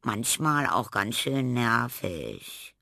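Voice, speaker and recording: A man voicing a cheeky, wild little schoolgirl in a children's storybook reading, high and brash. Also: wildly swooping pitch, extremely slow, vocal fry, sharp tone, no echo, clean studio sound, heavily acted.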